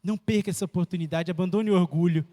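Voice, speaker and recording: Pastor preaching hard, highish voice, lots of repeating, echoey church. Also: male voice, fairly even intonation, fast talker. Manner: emphatic preaching with repetition and sharp pitch swings. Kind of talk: sermon. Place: church sanctuary.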